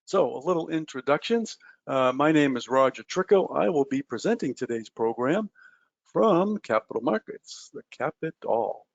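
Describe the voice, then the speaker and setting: A man's voice: fairly high pitch, expressive, normal speed, gravelly, no echo, muffled recording. A man presenting a live trading webinar, talking to his listeners in a loose conversational way with frequent "uh" and "um" fillers. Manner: conversational, many "uh" and "um" fillers, addresses listeners directly.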